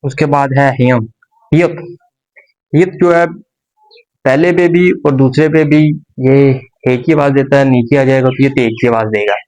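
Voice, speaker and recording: A man of average pitch teaching a beginner's language class. He explains step by step, slowly and patiently, pausing and repeating points as he goes. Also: steady tone, a little mellow, poor audio. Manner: slow, patient explanation with pauses and repetitions. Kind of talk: explaining a lesson.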